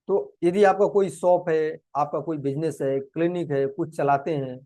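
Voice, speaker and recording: Guy with a fairly high voice walking a class through a screen share, keeps repeating himself, dry close sound. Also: darkish tone, no room sound. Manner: earnest, repetitive, explains step by step. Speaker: digital marketing teacher.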